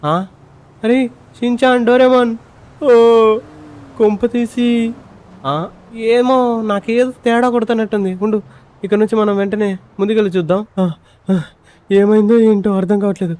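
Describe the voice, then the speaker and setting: A man voicing a confused grown-up ghost, an uncle, pleading and puzzled, in a lower voice. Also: fairly even intonation, measured pace, long pauses, darkish tone. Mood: bewildered. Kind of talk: fan-dubbed game story.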